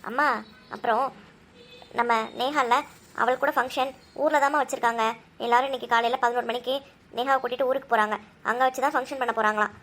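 A woman's voice: on the high side, steady tone, fast talker, long pauses, a bit bright. A woman voicing a curious young girl who stammers and coaxes her mother in a cartoon. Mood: coaxing. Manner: hesitant, stammering when caught.

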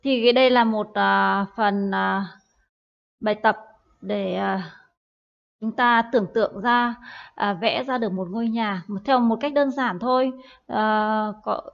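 The English teacher in this dull, lo-fi online lesson has a gravelly, mid-range voice. She explains in Vietnamese, hesitating with fillers and repeating words so learners can practice.

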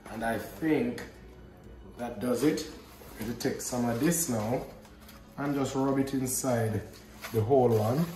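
A man's voice: medium pitch, unhurried, pauses often, mellow. Jamaican man cooking in an echoey kitchen. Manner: easygoing, chatty, patois-flavored banter. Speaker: cooking vlog host. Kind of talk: casual cooking demo. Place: home kitchen, indoors. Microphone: camera mic at a distance. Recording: roomy kitchen echo, distant mic, clear background noise.

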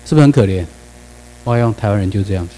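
Man, Taiwanese Mandarin accent, classroom lecturer, fast talker, dark voice, rhetorical questions, English words mixed in. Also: on the low side, poor audio. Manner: mixes English words into his speech.

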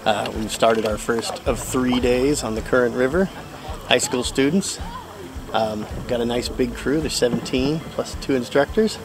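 A middle-aged man vlogging outdoors on a river with a phone held at arm's length, relaxed and upbeat, full of fillers. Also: mid-range voice, measured pace, low-quality recording. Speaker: outdoor instructor. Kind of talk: casual vlog narration.

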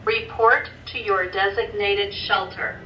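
A woman's recorded emergency announcement played over a loudspeaker after an alert chime, calm, measured and formal. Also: mid-range voice, muffled recording. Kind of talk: recorded public address announcement. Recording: echoey loudspeaker from far off, loud alarm noise.

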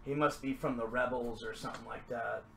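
A man's voice: mid-range voice, steady tone, fairly quick, gravelly, a bit bright, a little hiss or hum. A man hosting a trading card break, chatting casually as he opens packs, upbeat and then mumbling to himself. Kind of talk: casual card-opening commentary.

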